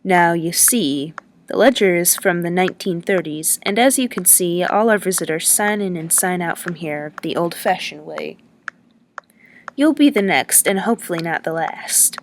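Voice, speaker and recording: A woman's voice: fairly low pitch, normal speed, slight background noise, lightly acted. A woman reading the lines of a chatty, teasing male lodging-house keeper who rambles in a folksy way.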